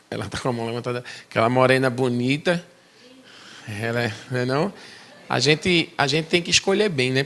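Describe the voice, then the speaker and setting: A man's voice: mid-range voice, fairly bright tone. A man in his forties from Recife with a Pernambuco accent, giving a chatty testimony in church as a missionary and talking straight to the congregation. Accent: Pernambuco Brazilian Portuguese. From Recife, Brazil. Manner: conversational, chatty asides to the congregation.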